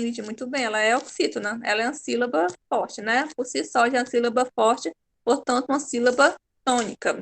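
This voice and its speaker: A woman's voice: high voice, sharp tone. A Brazilian woman teaching an online class, patient and encouraging, praising her pupils by name. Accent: Brazilian Portuguese.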